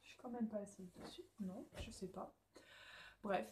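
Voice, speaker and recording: A woman's voice: medium pitch, moderate pace, a little mellow. Chatty French woman rambling to camera. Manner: chatty, rambling, many fillers and restarts. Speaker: knitting vlogger. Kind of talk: casual chat to camera. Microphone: phone or camera recording at home.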